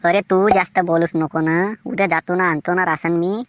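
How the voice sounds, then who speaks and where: A woman's voice: fairly low pitch, steady tone, normal speed, dry recording, voice pushed down, lightly acted. A woman voicing a lazy, stubborn village husband in a Varhadi Marathi accent, talking in a grumbling, dismissive way. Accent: Vidarbha Marathi (Varhadi). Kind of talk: cartoon voice acting.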